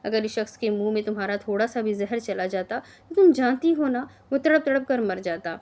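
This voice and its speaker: A protective young woman scolds her friend with urgent reproach, as a woman narrator voices her. Her pitch sits mid-range. This is an audio storybook reading. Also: fairly quick, darkish tone, lightly acted. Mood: scolding.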